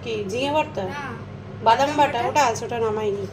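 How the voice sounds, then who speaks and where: A woman's voice: fairly high pitch, normal speed, over a noisy crowd. A woman home vlogger chatting casually to viewers while she does housework. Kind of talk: casual vlog narration. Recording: noisy home recording.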